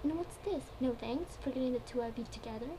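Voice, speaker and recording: A woman's voice: high-pitched, fast talker. A woman voicing a flippant, chatty young man in a fan fiction story, with an exaggerated breezy manner. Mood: breezy, indignant. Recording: clearly noisy home recording.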